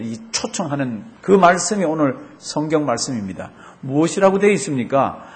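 A pastor whose voice sits high addresses his congregation in a sermon. He poses rhetorical questions and stretches out the Bible verses he cites.

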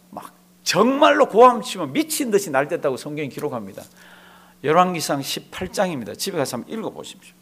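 A male pastor preaching a sermon to a congregation in a church, animated and full of rhetorical questions. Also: high voice. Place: church before a live congregation.

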